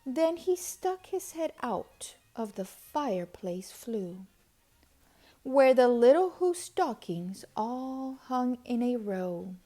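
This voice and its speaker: Woman reading a kids book out loud, really slow and dramatic, highish voice. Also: big pitch swings. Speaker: storybook reader. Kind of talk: expressive children's storybook read-aloud.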